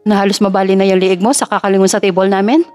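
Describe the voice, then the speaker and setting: A woman's voice: medium pitch, level tone, racing, mellow, faint music behind, lightly acted. A woman voicing a smug, teasing young playboy man in an audio story, speaking in a mocking drawl.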